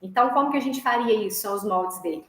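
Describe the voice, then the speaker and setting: A woman's voice: medium pitch, very fast, echoey room, poor audio. A woman music teacher with a Brazilian Portuguese accent, explaining a lesson patiently and checking in with short tag questions, sometimes chanting rhythm syllables. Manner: explanatory, tags phrases with "né?" and "tá?".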